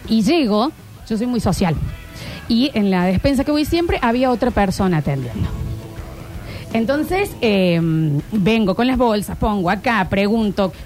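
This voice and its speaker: Animated Argentine woman host. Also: fairly high pitch, unhurried, faint music behind. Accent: Argentine Spanish. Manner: animated storytelling with many filler sounds. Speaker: streaming show host. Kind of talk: casual chat.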